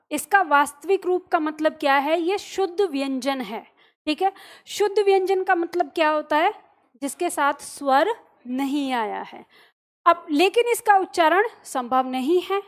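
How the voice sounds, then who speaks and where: High-pitched woman teaching grammar. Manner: asks questions, then answers them herself; checks in often with "ठीक है" and "सही है?". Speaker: Hindi teacher. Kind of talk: explanatory online grammar lesson.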